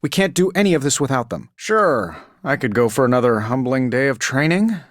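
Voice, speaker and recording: A man's voice: medium pitch, sing-song, brisk, no room sound, clean studio sound, lightly acted. A man playing a cocky, wisecracking middle-aged genius superhero in a video game, with an American accent and a glib, sarcastic conversational delivery. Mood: confident. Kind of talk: video game voice lines, quippy banter.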